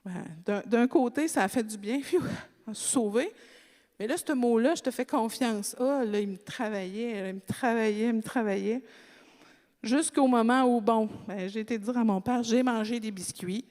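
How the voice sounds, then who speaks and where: Québécois woman preaching, chatty storytelling, bit high voice, echoey church hall. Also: normal speed, a little mellow. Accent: Québécois French. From Quebec. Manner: conversational, tells a childhood story with quoted dialogue. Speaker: pastor. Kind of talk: sermon with personal storytelling. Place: church sanctuary.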